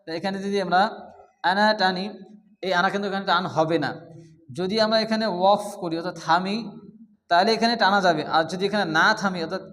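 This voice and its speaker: A man's voice: high-pitched, fairly even intonation, fast, pauses often, a bit bright, in a large hall. A man teaching Quran reading in a patient, step-by-step blackboard lesson, who explains each point and then asks the class questions.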